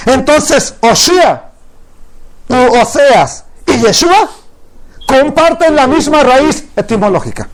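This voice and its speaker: A man with a strikingly high voice preaches a sermon to his congregation. He keeps asking questions and answering them himself, and he slows right down to draw out Hebrew words for emphasis. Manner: draws out Hebrew phrases slowly for emphasis.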